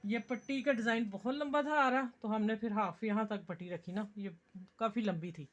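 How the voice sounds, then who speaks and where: A woman's voice: fairly high pitch, normal speed, lo-fi sound. A woman with a Pakistani Urdu accent, teaching a stitching tutorial in a homely, chatty, encouraging way. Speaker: sewing teacher.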